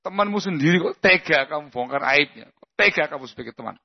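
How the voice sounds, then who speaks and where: Preacher, conversational, muffled recording. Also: male voice, fairly high pitch, expressive, quick pace, vocal fry. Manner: conversational, checks listeners with "paham?". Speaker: Islamic preacher. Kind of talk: religious lesson with Q&A.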